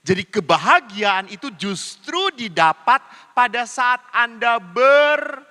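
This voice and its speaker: Older man, priest, bright high voice, playful storytelling sermon, long hall reverb. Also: animated, measured pace. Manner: storytelling, mimics dialogue with voice changes. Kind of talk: humorous sermon with acted anecdotes.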